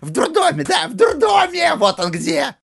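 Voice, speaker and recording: A man's voice: very high-pitched, huge pitch swings, normal speed, creaky, a bit bright, voice pushed up, full character voice. A man voicing a spiteful, taunting middle-aged junkyard owner in an audiobook, sneering as he jeers. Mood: jeering. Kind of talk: audiobook character voice.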